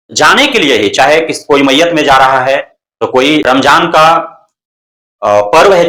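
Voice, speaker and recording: A man's voice: on the high side, a bit bright. A man giving an impassioned political monologue, lecturing with pointed rhetorical questions. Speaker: political commentator. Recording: echoey room.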